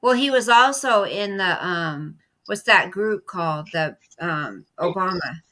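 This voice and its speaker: A woman's voice: on the low side, lively intonation, unhurried, sharp tone, poor audio. A middle-aged woman co-hosting a casual political chat at home, talking in an emphatic, indignant way and repeating her points. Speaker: co-host. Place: at home, live stream.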